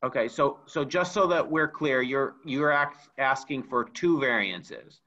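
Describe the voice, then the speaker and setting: A man's voice: medium pitch, measured pace, sharp tone, muffled recording. A man chairing a town zoning board meeting over a video call, restating points with some repetition. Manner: repeats and restates points carefully.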